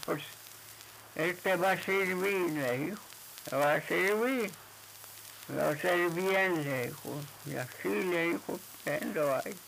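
A man tells a folk tale slowly in a high, gravelly voice. He circles back over each line, tagging quotes with "le dijo". A faint hiss sits under the recording. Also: a bit bright, poor audio. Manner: repetitive, unhurried, with constant "le dijo" tags. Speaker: storyteller. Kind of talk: oral folk tale telling.

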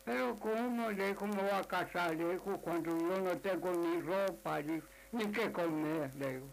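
A man's voice: sits high, moderate pace, vocal fry, a little hiss or hum. A man voicing a poor young man who protests plaintively in a folk tale.

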